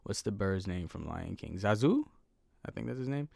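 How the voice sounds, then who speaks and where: A man's voice: fairly low pitch, animated, moderate pace, gravelly, a little mellow, dry recording, clean studio sound. A man hosting a solo podcast, telling stories in a rambling, profane, self-deprecating way from home. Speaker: podcast host. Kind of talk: solo casual podcast monologue.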